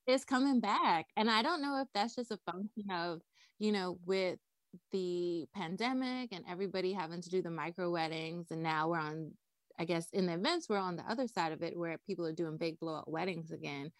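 Woman from the Bahamas, lower pitch, bubbly talkative podcast guest, dry recording. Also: fairly quick, no room sound. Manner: upbeat, chatty, frequent laughs and "like". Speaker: wedding cake designer and business owner.

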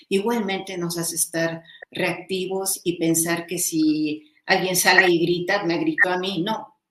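A woman hosting a casual, reflective conversation, often asking "¿no?" and laughing as she talks. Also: fairly low pitch. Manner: reflective, animated, with laughs and filler "¿no?". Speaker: host. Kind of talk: casual chat. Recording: roomy echo.

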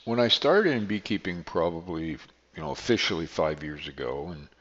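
An older man, a beekeeper, hosts a casual solo podcast in an unfamiliar studio room, rambling and correcting himself. His voice sits low, animated and a bit bright at normal speed, with long echoing reverb like a canyon and a dull lo-fi sound.

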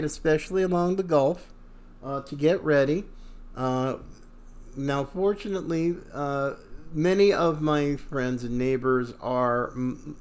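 A man hosting a podcast in a conversational monologue, showy like a ringmaster when announcing and halting between phrases. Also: fairly high pitch, a little mellow, clear, resonant tone. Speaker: podcast host.

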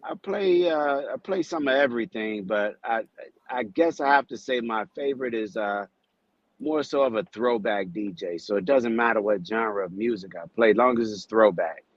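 Low-voiced male guest DJ, dull dry sound. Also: normal speed, no room sound. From Chicago. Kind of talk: casual chat.

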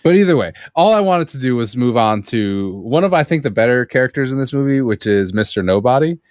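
A man co-hosting a podcast, chatting casually and excitedly about a film and swearing freely. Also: mid-range voice, a little fast, dry recording, studio quality. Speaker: podcast co-host.

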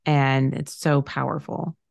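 A woman in her late thirties hosts a podcast in a low voice with a gravelly edge. She talks casually and affirmingly, drawing her phrases out with fillers. The recording is dry and close. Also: little pitch movement, measured pace, darkish tone, dry recording. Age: late 30s. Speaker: podcast host, financial planner. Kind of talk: casual conversation.

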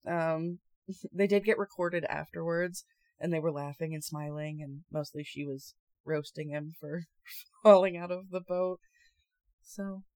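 A young woman co-hosting a casual chat and reading stories aloud, chatty and quick to laugh. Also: low-pitched, fairly even intonation, a little mellow, no room sound. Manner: chatty and giggly. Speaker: podcast co-host.

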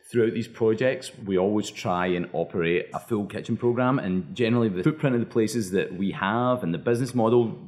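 A man's voice: lowish voice, a little mellow. A man with a thick Scottish accent answering interview questions conversationally as a bar owner. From Scotland.

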